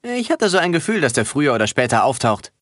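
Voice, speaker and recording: A sarcastic young pirate wannabe from a game, dry one-liners, voice bouncing up and down. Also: male voice, fairly high pitch, very animated, fast talker, a bit bright. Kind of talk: dubbed game dialogue.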